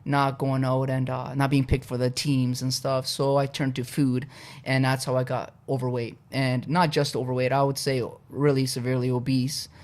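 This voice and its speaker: A young adult man from Poland, a podcast guest talking through his personal story in a relaxed, casual way, with frequent "uh" and "you know". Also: mid-range voice, normal speed.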